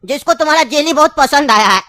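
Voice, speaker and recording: A woman's voice: sits high, lively intonation, quick pace, a bit bright, no room sound. A woman voicing a scheming, insistent old grandfather in a cartoon, speaking with a tinge in a pleading, long-winded way.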